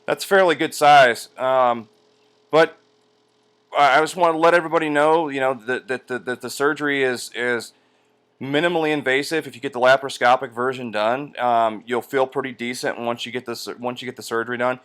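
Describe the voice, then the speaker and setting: A man talking casually in a personal vlog, halting with drawn-out hesitations, sore and medicated as he rests after surgery. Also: mid-range voice, steady tone, a bit bright, smooth. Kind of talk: casual personal vlog, recounting his experience. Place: indoors at home on a couch by a window.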